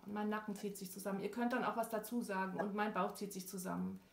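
A woman's voice: medium pitch, steady tone, quick pace, gravelly. A woman with a German accent, a tapping acupressure practitioner, leading a session by speaking phrases for the other person to repeat and encouraging her along. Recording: echoey room with faint noise.

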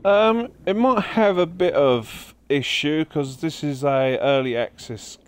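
A man's voice: on the high side, slow pace, smooth. A man giving casual let's-play commentary as he plays, chatting to the game's creatures. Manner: chatty, talks to game creatures while playing. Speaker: gaming livestreamer.

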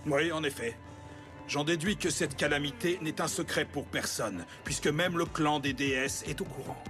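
A man's voice: a little high, normal speed, music in the background, natural voice. An actor playing a proud, vain, lovesick strongman in an anime dub, with pompous, mannered politeness. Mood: courtly, proud.

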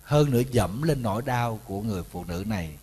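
A man with a Southern Vietnamese accent, a Buddhist monk giving a storytelling sermon, animated and joking, talking straight to his listeners. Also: lowish voice, fast talker, slightly rough, big-room sound. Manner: animated, joking, addresses audience directly.

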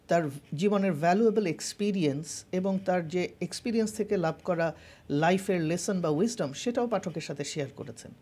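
Mellow, slightly husky lecturer; steady, methodical delivery that explains terms one by one. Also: medium pitch. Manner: methodical, defines terms, mixes in English words. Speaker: channel host and literature teacher.

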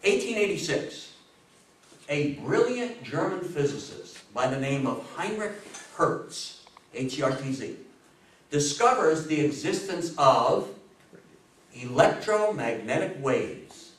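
A man in his fifties with a fairly high voice and big pitch swings gives an animated public history lecture to a seated audience in an indoor meeting room. His delivery is emphatic and theatrical, with dramatic pauses, picked up from far off by a camera microphone in an echoey room.

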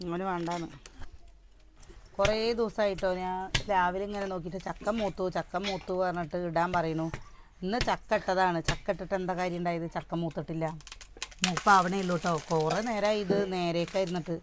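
A woman's voice: on the low side, fairly even intonation, brisk, noisy background. A woman chatting casually to viewers in a home cooking vlog, talking through a sore throat. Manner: chatty, addresses viewers directly. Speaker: cooking vlogger.

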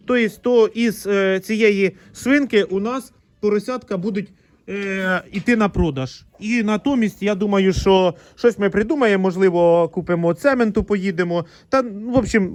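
A man's voice: sits high, moderate pace, no room sound. A man, a pig farmer, chatting casually as he shows his pen, fond with the piglets and scolding them. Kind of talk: casual vlog narration.

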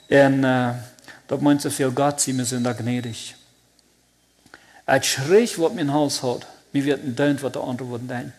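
A man with a Plautdietsch accent giving a personal religious testimony, telling it in an earnest, halting, heartfelt way. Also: medium pitch, a little mellow.

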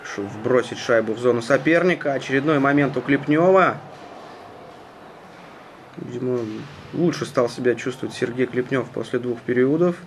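A man giving live hockey play-by-play in a measured, conversational manner. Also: medium pitch. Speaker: hockey commentator. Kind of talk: live sports play-by-play commentary. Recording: noisy ice rink ambience. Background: arena noise.

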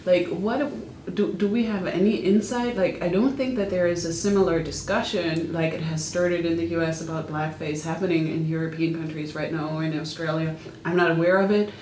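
A woman's voice: lowish voice, steady tone, a little fast, few pauses, darkish tone. A woman academic posing a tentative question in a group discussion, rephrasing as she goes. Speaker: academic, Europeanist. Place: small indoor meeting room. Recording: echoey room, faint noise.

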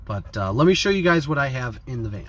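This vlogger from the American Midwest chats fast and sing-song in a mid-range, slightly bright voice, rambling informally to camera. He's in a parked van, filmed at arm's length, with vehicle ambience and clear background noise.

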